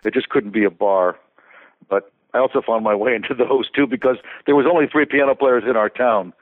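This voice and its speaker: Speaking at a fairly quick clip in a mid-range voice, this older Connecticut man is a conductor and composer being interviewed as a guest. The line is tinny and phone-like, dry and close-up. His relaxed answers wander, with frequent restarts and little fillers.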